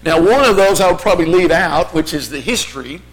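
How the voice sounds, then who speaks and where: Male preacher, high-pitched voice, explanatory sermon delivery with rhetorical questions. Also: expressive, a little fast, soft background music, poor audio. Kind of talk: sermon, teaching Bible basics point by point.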